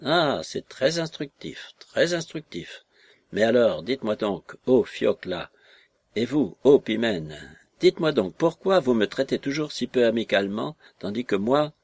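A man reading aloud who voices a shrill, mocking and fawning little lame man, raising his voice to a yelp. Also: sing-song, a little slow, husky, no room sound, heavily acted. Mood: coaxing. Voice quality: yelping, shrill. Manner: mocking, ingratiating, exclamatory. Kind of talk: audiobook character voice.

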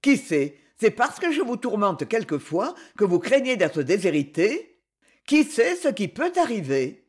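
A man's voice: high-pitched, a little slow, exaggerated voice. A man voicing a mischievous, jovial old general in an audiobook. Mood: gleeful. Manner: lively, jovial, laughing delivery.

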